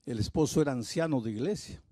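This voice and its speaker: A man preaching a sermon as a pastor, telling a story slowly and earnestly with repeated phrases. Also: medium pitch, animated, warm tone, dry recording, studio quality.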